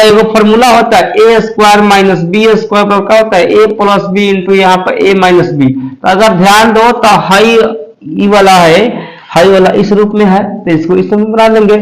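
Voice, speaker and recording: A man teaches math at a coaching class. He works through each step slowly, repeating himself and stopping often to ask if it is clear. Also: high-pitched, steady tone, low-quality recording. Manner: slow, repetitive explaining with frequent check-ins. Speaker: math tutor. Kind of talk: blackboard math lesson.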